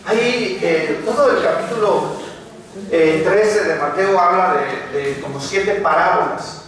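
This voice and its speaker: High-voiced preacher in an echoey hall. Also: male voice, measured pace, a bit bright. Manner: asks the congregation rhetorical questions. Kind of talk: sermon. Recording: echoey hall, mic far off.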